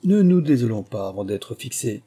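A man's voice: medium pitch, big pitch swings, moderate pace, dark tone, husky. A man voicing a commanding, pompous plantation manager, as in an audiobook.

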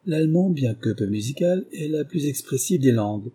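A man reading aloud, voicing a sly, confident male English detective in a lively, ironic manner. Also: normal speed, slightly rough. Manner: higher, lively, ironic delivery.

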